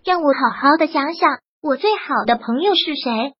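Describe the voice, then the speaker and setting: A woman's voice: high-pitched, normal speed, no room sound, highs cut off, lightly acted. A woman voicing a confused, childlike young woman who treats a puppet as her baby, in a storybook reading. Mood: suspicious.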